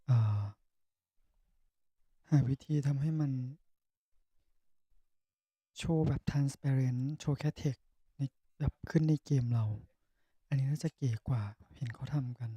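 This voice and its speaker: Guy live streaming a game, casual chat, trails off a lot, low dark tone, bit breathy. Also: fairly even intonation, takes it slowly, pauses often, dry recording. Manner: thinking aloud, trailing off mid-sentence.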